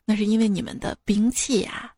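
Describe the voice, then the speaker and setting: A woman voicing a calm male monk master who answers his disciples with slow, patient, deadpan teasing. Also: medium pitch, faint music behind, close to an everyday voice.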